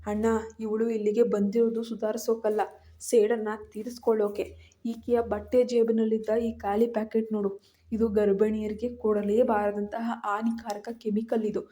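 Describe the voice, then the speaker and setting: A woman's voice: mid-range voice, flat delivery, normal speed, mellow, natural voice. A woman voicing an urgent young brother-in-law who explains a poisoning plot. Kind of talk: audio story character voice.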